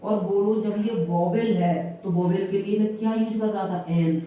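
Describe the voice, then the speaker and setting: A man's voice: high-pitched, steady tone, moderate pace, dark tone, highs cut off. A male teacher giving a classroom grammar lesson, repeating key phrases and quizzing the class with questions. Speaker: English teacher. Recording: very echoey room, voice far from mic, faint hiss.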